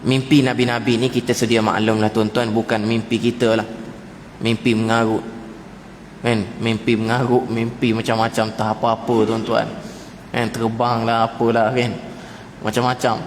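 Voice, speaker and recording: A man with a Malaysian Malay accent giving a mosque lecture, often addressing the audience directly and mimicking greetings in a high, jokey voice. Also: a little hiss or hum. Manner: repeatedly addresses audience as tuan-tuan. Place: mosque hall. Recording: echoey mosque hall, faint ambience.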